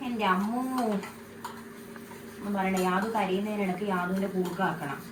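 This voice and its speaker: A woman's voice: mid-range voice, fairly even intonation, normal speed. A woman chatting casually to her viewers while she cooks at home for her vlog. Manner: chatty, talks straight to viewers as "guys". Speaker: home vlogger. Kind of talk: casual cooking and daily-life vlog. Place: home kitchen. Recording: echoey room, distant mic, background noise.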